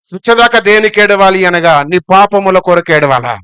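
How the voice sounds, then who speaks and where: High bright-voiced preacher man. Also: animated, moderate pace, clear, resonant tone, no room sound. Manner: blunt, scolding, shifts between loud calls and low asides. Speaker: pastor. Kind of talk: sermon.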